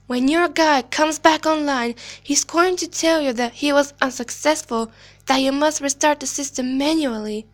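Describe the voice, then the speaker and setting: An amateur actress voices an eerie animatronic clown girl in a video game monologue, her high, girlish pitch staying close to an everyday voice. She issues an urgent warning through slow, deliberate, hushed storytelling that falls into whispers, sweet outwardly with a sinister undertone, like a secret slowly told.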